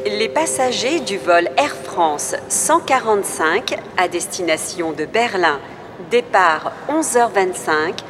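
A woman reading scripted public announcements in a clear, measured way, like a station or airport announcer. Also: mid-range voice, expressive, background noise.

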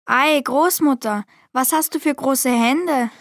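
A woman's voice: high-pitched, slow pace, no room sound, clean studio sound, pitched above the performer's own voice. A woman voicing an innocent, trusting little girl who speaks earnestly. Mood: wondering. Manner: bright, earnest and guileless.

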